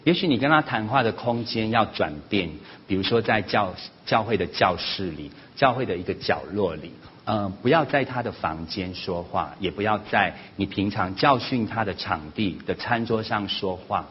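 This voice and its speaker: Lively male church teacher. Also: lowish voice, normal speed. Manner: animated, acts out family quarrels in raised voices. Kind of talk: sermon-style parenting lesson. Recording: slightly dull lo-fi recording with faint noise.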